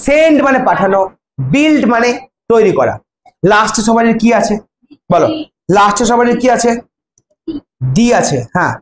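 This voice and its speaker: Her fairly high voice is animated and moderately paced, with frequent pauses, as a woman teaches English grammar in Bengali. She spells out verb forms letter by letter and asks her students questions, in an echoey room with faint ambience and a little hiss or hum.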